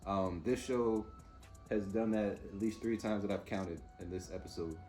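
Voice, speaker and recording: Low-voiced man reviewing TV, music behind. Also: steady tone, moderate pace, a little mellow. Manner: informal, opinionated, mulling things over aloud. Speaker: host reviewing TV episodes. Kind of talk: casual off-the-cuff review commentary.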